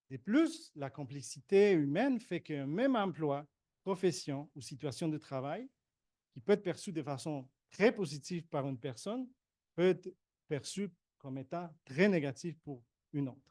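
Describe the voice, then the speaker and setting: A man reading a prepared conference talk on statistics in a measured way, with occasional hesitations. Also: fairly high pitch, warm tone, no room sound, clean studio sound. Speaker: conference presenter, statistics analyst.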